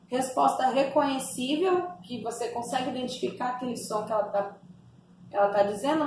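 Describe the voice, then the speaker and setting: A woman training a group, explaining step by step with frequent tag questions and sounding out example words herself. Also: a little high. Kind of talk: teaching a training session. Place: echoey room. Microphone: distant mic. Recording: echoey room, distant mic, faint noise.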